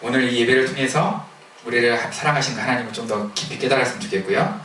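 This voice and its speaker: A man's voice: mid-range voice, quick pace, fairly bright tone, slight background noise. A male preacher in an echoey church. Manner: conversational, asks the congregation questions. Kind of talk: sermon. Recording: echoey church hall, distant mic.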